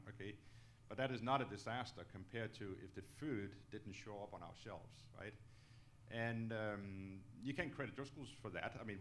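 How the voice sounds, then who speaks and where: A middle-aged company executive from Denmark, whose native language is Danish, speaks in a voice on the low side. As a guest speaker in an on-stage interview in an indoor auditorium, he answers earnestly and emphatically, often checking in with "okay?". He's on a handheld microphone, and there's slight background noise.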